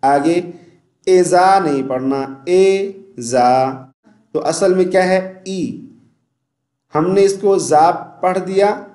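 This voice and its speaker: A man teaching Quran recitation, stretching the recited words slowly between quick spoken explanations. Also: sits high, steady tone, darkish tone, reverberant. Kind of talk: online recitation lesson.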